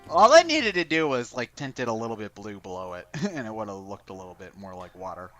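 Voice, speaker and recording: A man's voice: fairly low pitch, big pitch swings, brisk, music in the background. A man teasing his friends and rambling with fillers during a casual game commentary.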